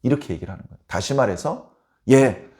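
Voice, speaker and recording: A man's voice: medium pitch, expressive, fast, warm tone. A man preaching a dawn sermon as a pastor, telling the story dramatically and acting out the people in it. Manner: dramatic, acts out biblical characters in voices.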